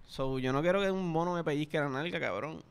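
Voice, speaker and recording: A young Puerto Rican man hosts a podcast, telling loose, profane stories in casual chat with a Puerto Rican Spanish accent. His voice is a little high and smooth, with vocal fry and a quick pace.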